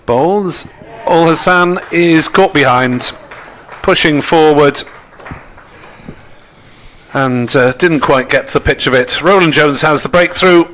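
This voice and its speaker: A man giving live ball-by-ball cricket commentary in a measured, descriptive way. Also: a little high, fairly bright tone.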